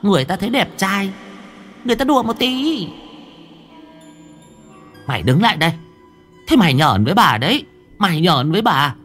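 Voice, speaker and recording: A man voicing a mischievous female ghost in a purple dress, shrill and teasing. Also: big pitch swings, normal speed, pauses often, fairly bright tone, in a large hall, soft background music.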